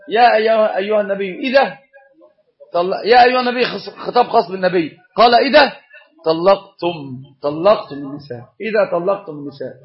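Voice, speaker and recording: The lo-fi, muffled recording captures a man's brisk religious lesson, his voice pitched high for a man. As an Islamic scholar running a course, he poses questions to the class and then answers them himself.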